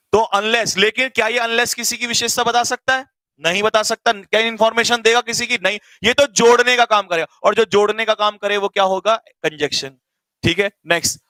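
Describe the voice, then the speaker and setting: A man teaching an online English grammar class, quizzing students rapid-fire in a teasing, energetic way. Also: high-pitched, no echo, poor audio.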